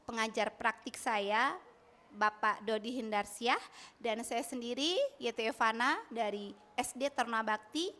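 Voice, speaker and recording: A woman's voice: fairly high pitch, a little slow, bright, forceful tone. A woman teacher from Bandung with an Indonesian accent giving an upbeat training presentation to colleagues, often asking them to reply. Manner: upbeat, asks audience for replies.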